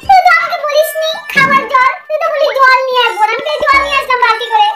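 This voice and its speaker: A very high, quick-talking woman plays a naive younger sister in a comedy skit. She sounds sulky and defensive, and loud music plays under her voice.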